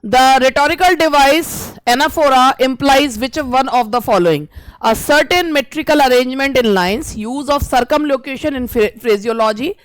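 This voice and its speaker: A woman teacher, reading English exam questions slowly and explaining them at length. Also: high voice, no echo. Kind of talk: exam-prep lesson.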